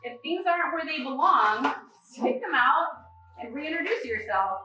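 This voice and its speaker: A woman's voice: sits high, expressive, moderate pace, very echoey, recorded from a distance, music in the background, rough recording. A woman hosting a live decorating tutorial, chatty and bubbly, laughing often as she works. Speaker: holiday decorator and host. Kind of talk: live-stream tutorial chat. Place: decorating studio.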